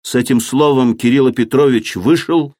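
Male audiobook reader, mid-pitched, measured and expressive, dry studio sound. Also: dry recording. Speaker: narrator. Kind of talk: scripted audiobook narration.

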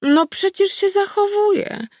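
A woman reading an audiobook, voicing an ancient, scarred and mischievous she-wolf goddess who talks in a slow, drawn-out, teasing way. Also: very high-pitched, darkish tone, no echo, clean studio sound, pitched above the performer's own voice. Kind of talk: audiobook character voice.

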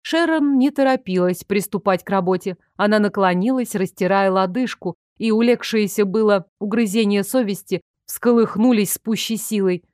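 A woman's voice: mid-range voice, normal speed, few pauses, dry recording, studio quality. Woman narrating an ironic first-person audiobook. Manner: lively, ironic, expressive reading.

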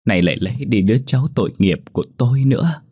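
A man's voice: mid-range voice, expressive, fast talker, darkish tone, slightly rough, dry recording, studio quality, pitched above the performer's own voice. A man voicing a frantic, grieving old village grandmother who wails and pleads. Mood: grief-stricken. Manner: wailing, pleading, insistent.

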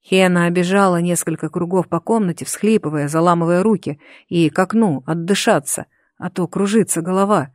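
An audiobook narrator reading a fantasy novel in a lively, expressive storytelling manner. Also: medium pitch, a little fast, few pauses, dry recording. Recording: dry close recording.

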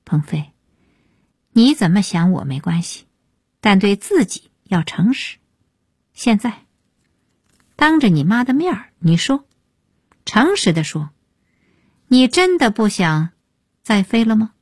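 A calm, blunt young wife, as a woman reads her lines in a novel. She presses her point slowly and firmly in a low, husky voice. The recording is dry and close. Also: no echo, heavily acted. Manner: firm, cool and pointed.

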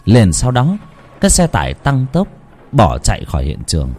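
A man narrating a ghost story in a dramatic, hushed storytelling manner. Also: on the low side, wildly swooping pitch, moderate pace, faint music behind.

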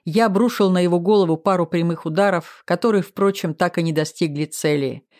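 A man's voice: sits high, brisk, a little mellow. A man steadily narrating a first-person audiobook.

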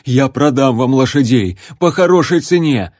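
A man voicing a coarse, surly male hermit hunter who hates people and shouts insults. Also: normal speed, dry recording, studio quality, lightly acted. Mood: panicked. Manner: shouting insults, later shrill panicked falsetto.

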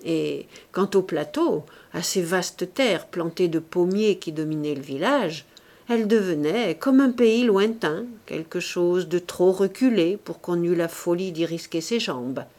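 A woman reading a classic novel aloud as an audiobook narrator, in measured and expressive storytelling. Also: on the low side.

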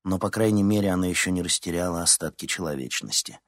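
A man's voice: deep voice, quick pace, no echo, clean studio sound. A man voicing a brave, angry teenage boy in an audiobook. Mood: urgent.

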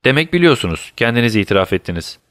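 Sherlock Holmes, alaycı ve soğukkanlı dedektif bir erkeğin sesiyle. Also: male voice, mid-range voice, quick pace, no room sound, clean studio sound. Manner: calm, teasing, commanding. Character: cool, mocking male detective, middle-aged. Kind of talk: audiobook character voice.

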